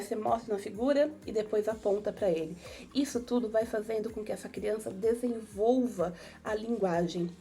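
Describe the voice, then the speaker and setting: A woman's voice: medium pitch, mellow. A woman with a Brazilian Portuguese accent, a mother and neuropsychopedagogue, giving parents advice in an informal, conversational way and often adding tag questions. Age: adult mother of young children. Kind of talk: informal educational talk to parents.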